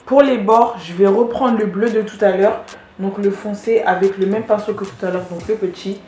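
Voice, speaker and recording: A woman's voice: medium pitch, steady tone, moderate pace, mellow, echoey room, soft background music. Chatty woman doing her makeup. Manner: chatty, many fillers, talks while doing makeup. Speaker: beauty vlogger. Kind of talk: casual get-ready-with-me makeup narration.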